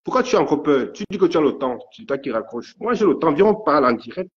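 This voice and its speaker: A man's voice: on the high side, sing-song, quick pace. A man ranting angrily on a live stream, stammering and repeating his threats. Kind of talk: angry live rant. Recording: dull lo-fi stream audio.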